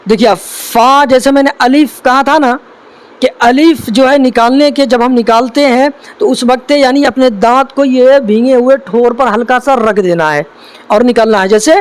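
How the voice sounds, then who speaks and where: High, smooth-voiced male Quran teacher. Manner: draws out each letter slowly, then explains with questions. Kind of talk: recitation lesson for beginners.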